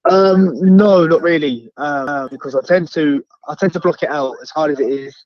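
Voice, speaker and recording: A man's voice: a little high, moderate pace, no echo. A man with an Essex accent chatting casually as a football fan calling in, rambling and repeating phrases as he goes. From Essex, England. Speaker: fan phoning in as caller. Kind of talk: casual chat. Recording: slightly dull, lo-fi call line.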